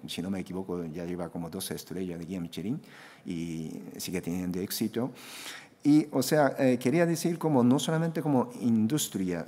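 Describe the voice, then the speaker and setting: A middle-aged Japanese man gives a conference talk in Spanish, his second language, with a Japanese accent, speaking into a panel table microphone. His fairly low, warm voice is hesitant and full of fillers and restarts, and the conference hall sounds echoey.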